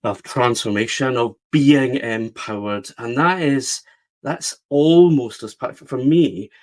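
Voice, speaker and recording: In a reflective storytelling interview, a middle-aged publisher from the west of Scotland speaks with a West of Scotland accent in a mid-range, darkish voice, taking it slowly. Earnest, he restarts often and repeats words when he does.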